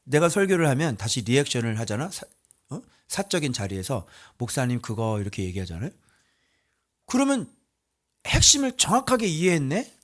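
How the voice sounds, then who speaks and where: Emphatic, lively male pastor preaching. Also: fairly quick. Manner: emphatic, colloquial, asks listeners rhetorical questions; swings from loud outbursts to low mutters. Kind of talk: sermon.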